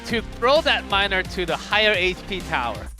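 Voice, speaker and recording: A man's voice: sits high, very animated, moderate pace, music in the background. A man giving color commentary on an esports match, analytical, laughing often and restarting his sentences.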